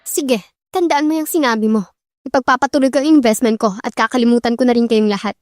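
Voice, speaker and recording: An actress plays a young woman done with her family, her high voice cold and clipped. Each line in this drama dub lands firm and final. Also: fast talker, no room sound, lightly acted. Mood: cold defiance. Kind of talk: Tagalog dub acting.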